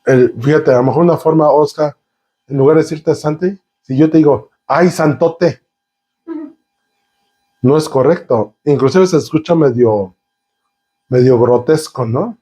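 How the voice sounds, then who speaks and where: A man preaches at a moderate pace, his slightly high voice dark with a breathy edge. Layering synonyms and rhetorical questions, he keeps the congregation involved by talking with them and asking questions.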